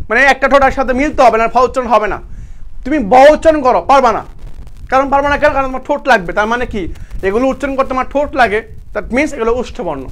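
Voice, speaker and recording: A young man with a very high voice leads a live exam-prep class. He keeps firing quick questions and answering them himself, repeating each point in a casual, brotherly tone. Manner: repetitive, drilling students with quick questions and answers; colloquial, addresses students as brother. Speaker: teacher.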